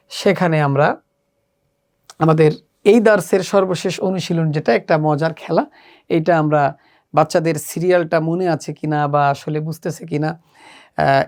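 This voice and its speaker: Gravelly-voiced male teacher explaining lessons. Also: a little high, a little mellow. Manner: measured, explanatory, with frequent "ah" fillers. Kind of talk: instructional walkthrough for teachers.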